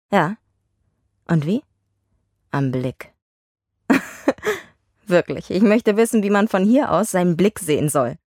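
A woman plays a dry-humoured patrol officer in a dubbed film scene, trading sarcastic jabs in a somewhat low voice. The sound is close and dry, with no room around it. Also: no room sound, heavily acted. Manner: teasing, bickering banter. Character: police officer in a patrol car, wry and sarcastic.

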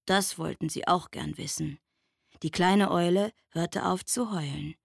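A woman reading a children's story aloud in a slow, gentle, expressive way. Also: on the low side, gravelly, no room sound, clean studio sound.

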